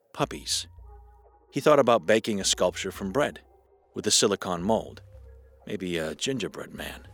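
Low-voiced male story narrator. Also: fairly bright tone. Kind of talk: scripted narration.

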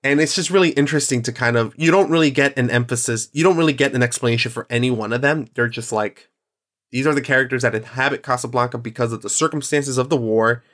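A man's voice: medium pitch, quick pace, fairly bright tone. A man hosting a podcast in casual chat, rambling and enthusiastic, with plenty of fillers and restarts. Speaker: podcast host.

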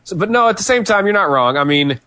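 A man co-hosting a podcast, talking about old wrestling in a relaxed, knowledgeable way. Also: high-pitched, fast talker, no room sound. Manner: relaxed, knowledgeable, easygoing with fillers. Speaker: podcast co-host.

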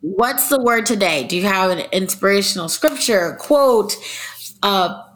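A woman's voice: mid-range voice, lively intonation, a little slow, background noise. A young adult woman hosting a casual chat in an informal, conversational way. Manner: informal, peppered with "like". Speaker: podcast host.

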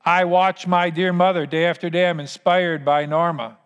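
A man preaching a sermon as pastor, with earnest, emphatic phrasing and deliberate pauses. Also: high-pitched, little pitch movement, smooth, lo-fi sound. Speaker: pastor leading a church service. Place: large church hall. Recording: long hall reverb.

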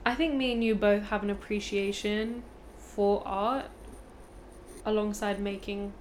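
A woman's voice: medium pitch, steady tone, measured pace, slight background noise. A woman from Punjab, an artist, chatting playfully and bluntly about art and taste. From Punjab, India. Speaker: artist, podcast guest. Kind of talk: casual chat.

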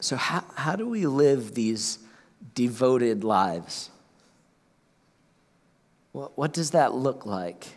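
A man's voice: mid-range voice, very animated, slow, long pauses. A man from Ohio preaching a sermon as pastor, earnest, often repeating words as he restarts. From Ohio, USA. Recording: long hall reverb.

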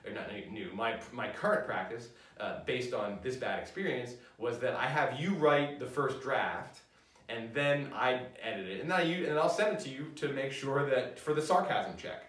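A man's voice: mid-range voice, lively intonation, moderate pace, a bit bright. Casting: male lecturer, chatty and unscripted, heard from a distance in a roomy classroom. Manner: conversational, frequent fillers and restarts. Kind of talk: university lecture. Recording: roomy echo, mic at a distance.

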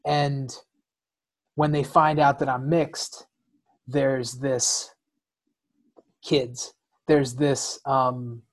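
This American guest speaks very slowly in a level, mid-range voice, leaving long pauses. Candidly telling his personal story in conversation, he now and then repeats words as he gropes for phrasing.

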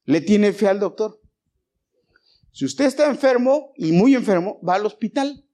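A man preaching a sermon as pastor, animated, asking his congregation questions and swinging between loud and soft. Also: sits high, a little slow. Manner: animated preaching, rising and dropping in volume. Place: church.

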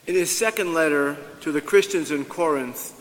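A man reading scripture aloud at Mass in a measured, solemn way, his voice ringing with long cathedral echo. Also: a little high, a bit bright. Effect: long cathedral-like church reverb. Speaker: lector. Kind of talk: slow liturgical scripture reading. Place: large church. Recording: long church hall reverb.

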